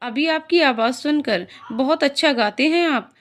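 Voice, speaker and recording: A woman voicing a chatty young woman speaking in a lively way. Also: high-pitched, moderate pace, natural voice.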